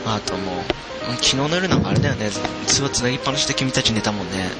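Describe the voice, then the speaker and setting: Man, lowish voice, chat host, casual, headset mic, music in background. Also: racing. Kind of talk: casual group chat over a voice call.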